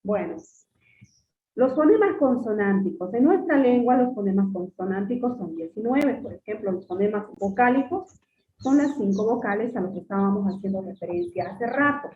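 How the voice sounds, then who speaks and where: Over a video call picked up by her computer mic, a woman teacher runs an online class, explaining things patiently, going back over her points and addressing her students as "jóvenes". Her voice sits at a medium pitch, animated, at a normal speed. The audio sounds echoey and phone-like.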